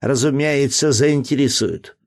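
A man putting on a shrill, fussy scholar. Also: unhurried, vocal fry. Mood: fussy, lecturing. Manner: indignant, pedantic, lecturing. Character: fussy, excitable learned male entomologist. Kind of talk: audiobook character voice.

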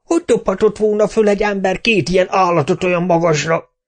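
A man voicing a hot-tempered, bullying male mayor in an audiobook, barking and shouting. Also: sits high, fairly even intonation, pitched above the performer's own voice, close to an everyday voice. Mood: furious. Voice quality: shouting, bossy.

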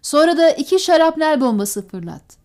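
A woman's voice: high-pitched, sing-song, normal speed, a little mellow, voice pushed up. A woman voicing a wounded, exhausted male boat captain who gives terse orders. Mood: urgent.

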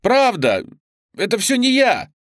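A man's voice: very high voice, huge pitch swings, slow, dry recording, clean studio sound, voice pushed up, full character voice. A man voicing a clumsy young male cook who stammers and pleads in a flustered way. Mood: pleading.

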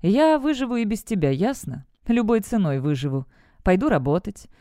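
A woman voicing a defiant, sharp-tongued young witch in an audiobook. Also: medium pitch, very animated, moderate pace, no echo, clean studio sound, close to an everyday voice. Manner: bitter, defiant. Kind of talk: audiobook character voice.

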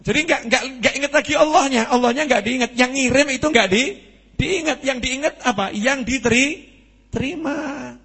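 A man's voice: very high voice, normal speed, breathy edge. A man preaching at a mosque study gathering, telling stories, acting out dialogue and asking the audience questions. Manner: lively storytelling with questions to the audience; acts out quoted dialogue. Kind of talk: Islamic study sermon.

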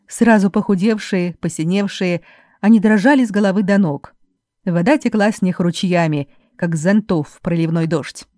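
A woman's voice: fairly low pitch, warm tone, no echo, clean studio sound. A woman reading a novel aloud with dramatic, vivid expression. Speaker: audiobook narrator. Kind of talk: expressive literary narration.

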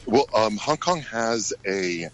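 A middle-aged American man, a ballet director, answering questions in a radio interview, halting with many fillers and restarts. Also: lowish voice, lively intonation, a bit bright, dull audio, a little hiss or hum. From United States.

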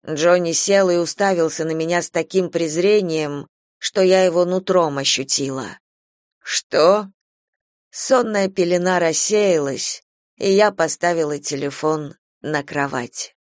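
A man reading a first-person literary novel aloud as an audiobook, in an even, measured way. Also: a little high, dry recording, clean studio sound. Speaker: audiobook reader.

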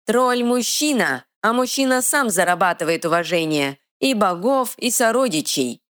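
Woman voicing a gruff male troll in broken speech. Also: medium pitch, lively intonation, moderate pace, a bit bright, pitched above the performer's own voice, natural voice. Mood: defiant growl. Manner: ungrammatical broken phrasing.

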